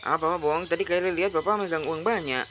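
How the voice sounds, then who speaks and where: A woman's voice: lowish voice, quick pace, close to an everyday voice. A woman reading the part of a young daughter in a game, begging her father for money in a whiny way. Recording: loud background noise.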